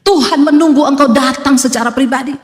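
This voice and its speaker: A woman's voice: high-pitched, fairly quick. A woman pastor preaching a sermon emphatically, with humorous asides and acted-out quotes. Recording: echoey hall reverb.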